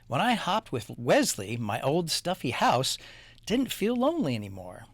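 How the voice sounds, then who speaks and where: A man narrating a children's storybook in a playful, animated way. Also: a little high, normal speed, no room sound. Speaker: storybook reader.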